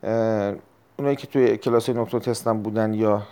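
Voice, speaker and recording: A man teaching a recorded test-prep lesson, explaining step by step, repeating key terms and clearing his throat often. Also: lowish voice, steady tone, mellow. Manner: frequent throat clearing and hesitations.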